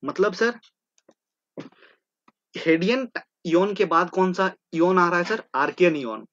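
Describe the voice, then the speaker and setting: Male tutor, exam-prep lecture, asks and answers himself, slightly high-pitched, dull lo-fi recording. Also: slow, fairly bright tone. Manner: repetitive, drilling terms, asking and answering his own questions. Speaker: teacher. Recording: dull lo-fi sound.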